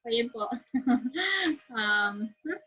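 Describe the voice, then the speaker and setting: A woman's voice: a little high, expressive, extremely slow. A young woman from the Philippines with a Filipino accent, chatting casually in a vlog, giggly and self-deprecating, with lots of fillers. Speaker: vlogger. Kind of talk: casual vlog chat mixing Tagalog and English. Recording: slightly muffled with music playing behind. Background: background music.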